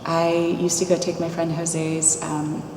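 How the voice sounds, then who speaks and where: Low-voiced woman in a distant echoey hall. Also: little pitch movement, measured pace, background noise. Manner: reflective, searching for words. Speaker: dance teacher. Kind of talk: interview reflection.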